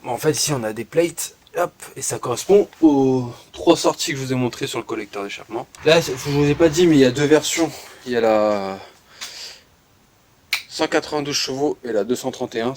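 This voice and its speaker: A man films his car in a garage on a handheld phone, talking casually and stopping often with fillers. The recording carries a clear hiss of background noise. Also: mid-range voice. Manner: chatty, hesitant with many fillers, pointing things out. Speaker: car enthusiast showing his car.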